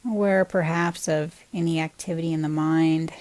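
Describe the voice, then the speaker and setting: Her voice sits low as this woman teacher guides a body scan meditation with no echo in the recording. The delivery is gentle, calm and unhurried, broken into short phrases with pauses.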